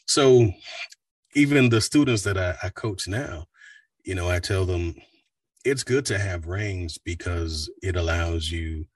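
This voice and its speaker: A man in his forties from the United States, a voice actor and coach with a deep baritone, talking animatedly in an interview. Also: no echo, distant mic. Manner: animated, slips into quick voice demos. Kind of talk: casual interview talk.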